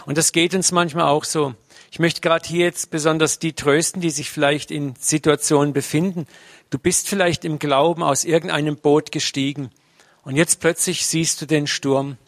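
A man's voice: on the high side, steady tone, normal speed, no echo. A man preaching a sermon in a conversational way, often tagging his sentences with a questioning "ne?". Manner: conversational, uses tag "ne?" often.

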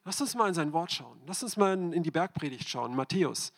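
A man's voice: on the high side, animated, fairly quick, creaky. A man preaching a sermon, speaking directly to the congregation and asking them repeated questions.

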